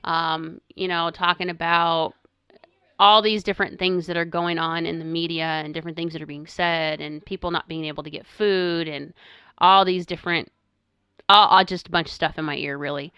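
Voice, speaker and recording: A middle-aged woman co-hosting a podcast, telling a story in an animated way and quoting herself as she goes. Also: on the low side, normal speed, clean tone, no echo, lo-fi sound. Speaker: podcast co-host. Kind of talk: casual chat.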